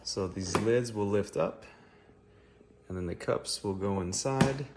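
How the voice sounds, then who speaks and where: A man with a fairly deep voice walks through a do-it-yourself project. He talks casually, like a hobbyist showing his work. Background noise is clearly audible in the recording. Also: slow. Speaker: hobbyist maker and vendor showing a DIY build. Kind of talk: casual spoken build walkthrough.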